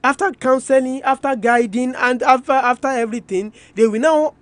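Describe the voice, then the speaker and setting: A very high-pitched man with a Nigerian Yoruba accent presents a live educational radio talk in a mix of English and Yoruba. His tone is steady and fairly bright, his pace moderate, with no room sound. He speaks straight to listeners, emphatic and repetitive.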